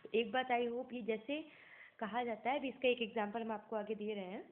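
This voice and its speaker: A woman teaching an English grammar lesson in Hindi, explaining patiently, asking if things are clear and reading English example sentences slowly, with a slightly sore throat. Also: fairly high pitch, steady tone. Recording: echoey room, tinny phone-like sound.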